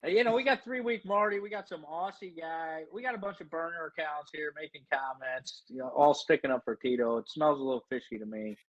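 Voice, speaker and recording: A man with a fairly high voice, heard through a dull, muffled signal. He co-hosts a betting podcast and teases the others in an amused way. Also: a little fast, hardly any pauses, fairly bright tone. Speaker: co-host, sports betting podcast. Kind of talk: casual podcast chat.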